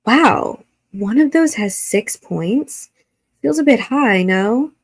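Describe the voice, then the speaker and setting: A woman's voice: on the high side, animated, slow pace. A woman hosting a reaction video, giving blunt, critical commentary and swearing freely.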